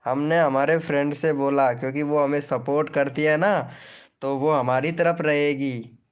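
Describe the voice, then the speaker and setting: Hosting a casual live stream, a man reads viewers' comments aloud and teases them in slow, chatty banter. His voice is fairly high with fairly even intonation and a clean tone.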